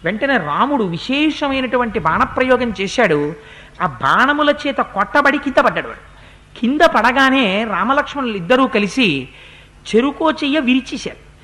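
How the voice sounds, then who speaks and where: A man giving a devotional discourse, retelling an epic with animated narration and slowly chanted verses. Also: very high-pitched. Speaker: religious discourse speaker.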